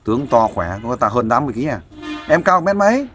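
A man's voice: medium pitch, big pitch swings, quick pace, a bit bright, faint music behind. A man giving fatherly, persuasive advice in a casual interview, often asking for agreement. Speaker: volunteer counselor interviewing a guest.

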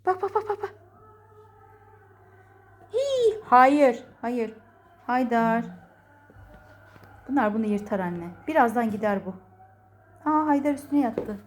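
High, lively woman laughing at her cats. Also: moderate pace, long pauses. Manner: laughs often, coos and scolds the cats playfully. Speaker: cat owner filming her cats. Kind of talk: casual running commentary while filming.

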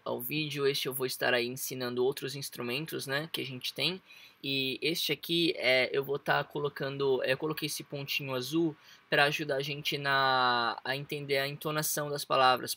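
A young Brazilian man with a Brazilian Portuguese accent teaching English vocabulary in a casual, chatty way, full of fillers, repeating words slowly to show pronunciation. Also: mid-range voice, fairly even intonation, bright, forceful tone.

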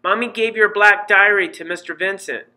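Man playing little twin girls, six years old, excited, squealing, very high and bright. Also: moderate pace. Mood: eager, pleading.

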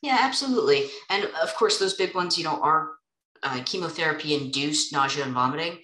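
A woman's voice: deep voice, expressive, brisk, sharp tone, echoey room, poor audio. A woman co-hosting a webinar as a nurse, explaining medical points in an upbeat way with some fillers. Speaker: nurse co-host.

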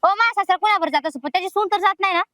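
A woman's voice: very high voice, racing, sharp tone, dry recording, studio quality. A woman playing a village daughter-in-law in a comedy sketch, protesting, pleading and scolding back.

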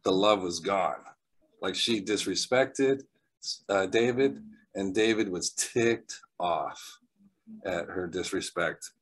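Animated husky-voiced male preacher. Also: sits low, slow pace, low-quality recording. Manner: animated storyteller, laughs often, jumps between loud excitement and quiet asides. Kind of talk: sermon.

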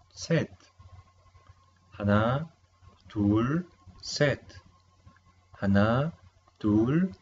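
A Korean language teacher with a mid-range voice explains vocabulary to a video audience, patiently and slowly repeating words and checking in with "¿sí?". The sound is slightly dull with faint noise.

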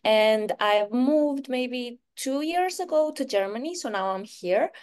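A young woman from Croatia talks through a video call in a smooth, clear voice pitched a little high. She chats easily, filling gaps with "uh" and little laughs. English is not her first language. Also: lively intonation, a little slow, darkish tone. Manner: chatty, laughs often, many fillers and restarts. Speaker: interview guest, UX UI designer. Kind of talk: casual video-call interview. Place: bright room at home, indoors. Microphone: webcam on a video call.

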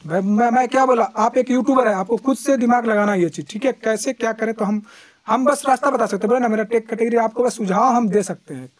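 A man's voice: very high-pitched, fast, no echo. A man hosting a casual screen-recorded tutorial, chatty, with lots of fillers and restarts. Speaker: YouTube tutorial host. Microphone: lapel mic.

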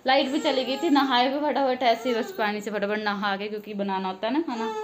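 A woman's voice: on the high side, steady tone, brisk, a crowd in the background. A woman from Punjab with a Punjabi accent, vlogging at home on her phone camera and coaxing her baby in sing-song baby talk. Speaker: family vlogger. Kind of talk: casual home vlog. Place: at home, indoors. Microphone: phone camera held by the speaker.

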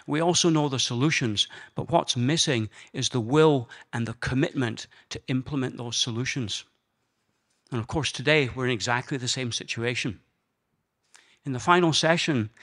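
An older man from Scotland tells his personal story to a conference audience, earnest and measured. His voice sits at a middling male pitch with a slightly bright quality, and he speaks into a handheld microphone in a conference room.

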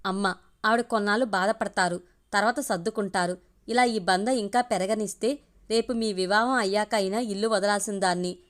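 A woman reading the lines of a humble, sorrowful young woman who pleads softly. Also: mid-range voice, natural voice. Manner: soft, pleading.

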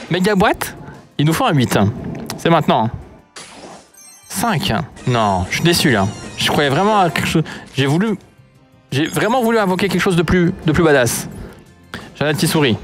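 An excitable French man commentating as he opens loot boxes in a game, swinging between hope and playful mock outrage. His voice sits on the higher side and is caught close on a desk mic. Faint music runs beneath it. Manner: animated, exclaiming, mock-outraged. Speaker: gaming YouTuber. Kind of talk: pack opening commentary.

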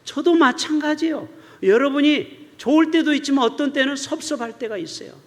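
A male pastor preaching a sermon to his congregation. He swings between loud, emphatic bursts and hushed, low asides. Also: a little fast. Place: church sanctuary. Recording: long church hall reverb.

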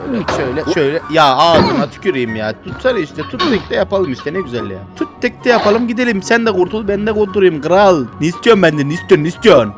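A young man playing a hard climbing game and commenting in Turkish, swinging between quiet muttering and frantic pleading and cursing at the screen. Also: high-pitched, big pitch swings, fast, few pauses. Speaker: gaming YouTuber. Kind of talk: let's play commentary. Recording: game music playing under the voice.

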